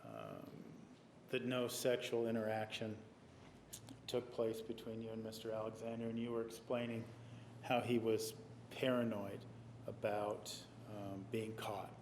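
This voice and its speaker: A man working as a trial attorney, questioning a witness in a measured, deliberate way with pauses. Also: on the low side, expressive, darkish tone. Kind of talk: courtroom questioning. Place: courtroom. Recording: echoey courtroom audio with faint noise.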